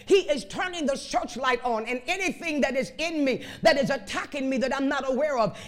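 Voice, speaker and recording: Woman preacher from Chicago, fervent sermon, exclamatory storyteller. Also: sits high.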